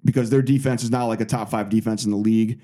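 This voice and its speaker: A man's voice: lowish voice, steady tone, quick pace, warm tone. Man, podcast co-host, casual sports chat, rambling, lots of ums. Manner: rambling, hedging with fillers.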